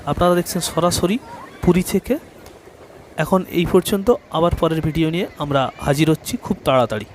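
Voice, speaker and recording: A man's voice: fairly high pitch, moderate pace, a little mellow. A man giving a formal, reporter-like vlog update to viewers. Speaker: travel vlogger hosting a live weather update. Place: outdoors by a seaside road. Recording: outdoor noise, traffic and ambience.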